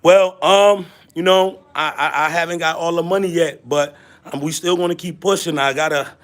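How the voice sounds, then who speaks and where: A man from Haiti hosting a casual livestream, reading viewer comments and greeting people by name in an animated, repetitive way. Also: fairly high pitch, normal speed. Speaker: livestream host.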